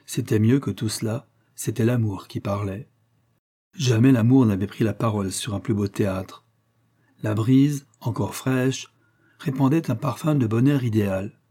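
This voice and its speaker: A man reading a story aloud in a measured, gentle narration. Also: on the low side, breathy edge. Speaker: audiobook reader. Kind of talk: scripted narration.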